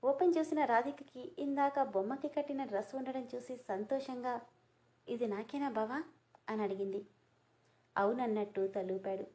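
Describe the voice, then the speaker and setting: Woman reading a story, dark mellow voice. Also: a little high, moderate pace. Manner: reads all the dialogue in her own voice.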